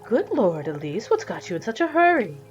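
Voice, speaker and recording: A woman voicing a gruff, doubting older village man in a game, speaking in a slow, stern way. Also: medium pitch, very animated, a little mellow, lo-fi sound, lightly acted. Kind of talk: game voice acting.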